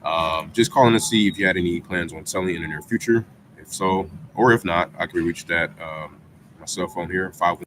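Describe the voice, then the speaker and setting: A man leaving a voicemail for a property owner, giving a friendly, scripted phone pitch with a few fillers. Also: brisk, a bit bright, slight background noise. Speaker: real estate investor calling property owners.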